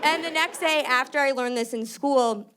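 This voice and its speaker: Loud young new woman doing stand-up, high voice, noisy room. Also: moderate pace, over a noisy crowd. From New York. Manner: loud, animated, acts out characters. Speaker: stand-up comedian. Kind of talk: stand-up comedy set.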